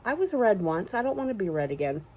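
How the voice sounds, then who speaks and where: A woman in her sixties talks casually to her viewers in a home vlog. Her voice sits at an ordinary middle pitch, and she rambles along in a chatty way, breaking into easy laughs. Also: big pitch swings, fast talker, dark tone. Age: 60s. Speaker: sewing and crafts vlogger. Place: at home and out running errands.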